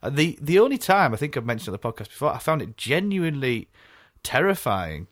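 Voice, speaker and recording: A man's voice: medium pitch, very animated, a little fast, a bit bright, no room sound. Man, dry close sound, chatty podcast co-host, laughs often. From North East England. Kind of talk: casual podcast chat.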